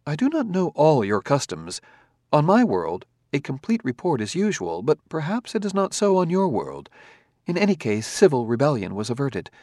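A man's voice: fairly high pitch, wildly swooping pitch, moderate pace, a little mellow, no echo, studio quality, voice pushed up. A man voicing a polite, formal male humanoid robot who speaks precisely, with no contractions.

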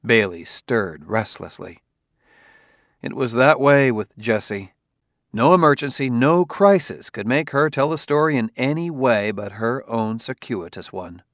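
A man narrating an audiobook in a calm, measured reading voice. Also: mid-range voice, dry recording, studio quality.

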